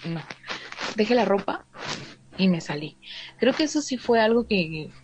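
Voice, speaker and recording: A woman with a Mexican Spanish accent casually tells a story to a listener, chatty and very animated, filling in with "o sea" and little asides and acting out the dialogue. Her voice is medium-pitched and a little mellow at a measured pace, and the sound is slightly dull with faint noise.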